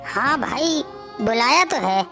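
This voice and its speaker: A woman's voice: high-pitched, lively intonation, slow pace, a bit bright, soft background music, heavily acted. A woman voicing an older father-in-law who lectures firmly and protects his daughter-in-law. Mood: stern. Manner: firm and lecturing.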